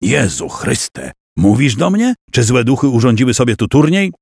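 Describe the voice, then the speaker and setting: A man's voice: mid-range voice, wildly swooping pitch, normal speed, gravelly, darkish tone, breathy edge, dry recording, studio quality, pitched above the performer's own voice, exaggerated voice. A man voicing a stern, commanding medieval churchman in an audiobook. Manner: commanding, firm. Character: middle-aged male bishop-nominee, stern and commanding.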